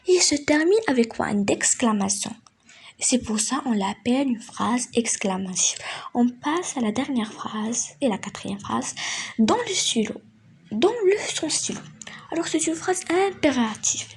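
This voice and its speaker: A woman's voice: a little high, lively intonation, unhurried, husky. A woman hosting her channel and explaining a grammar lesson, hesitant, with many fillers and restarts, sometimes dropping to a near whisper. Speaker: teacher, channel host.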